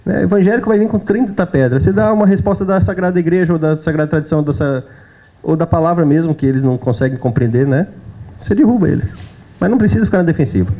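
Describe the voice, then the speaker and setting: A man with a Brazilian accent lectures at a church workshop in a fairly high, mellow voice. He keeps it conversational, turning to the audience with quick questions as he goes. The talk is given live before a gathered crowd. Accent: Brazilian Portuguese. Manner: conversational, checks in with the audience often. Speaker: workshop speaker.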